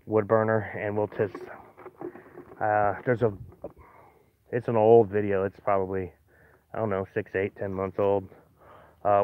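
Male homesteader, chatty walkaround vlogger, filler-heavy delivery; outdoor phone recording, thin and tinny with faint hiss. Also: lowish voice. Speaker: homesteader giving a property tour. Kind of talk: casual walkaround narration. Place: outdoors on a rural homestead yard. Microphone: phone camera held while walking. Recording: tinny phone-line sound with faint noise.

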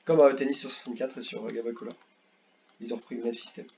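A young man casually ranking video games, rambling and repeating himself, with excitable bursts. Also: mid-range voice, fast talker, creaky, dull audio, a little hiss or hum. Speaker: gaming youtuber. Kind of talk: casual tier-list commentary.

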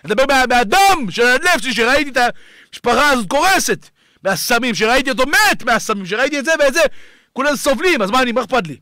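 High-pitched impassioned preaching man. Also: expressive, no echo, clean studio sound. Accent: Israeli Hebrew. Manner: shouting and pleading, sudden swings between loud and hushed. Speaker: rabbi. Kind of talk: impassioned sermon.

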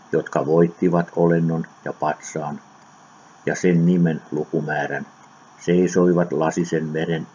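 A man giving a solemn, measured scripture reading for an audiobook, with occasional slips. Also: rumbling low, dark tone. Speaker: scripture reader. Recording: dull lo-fi recording with faint noise.

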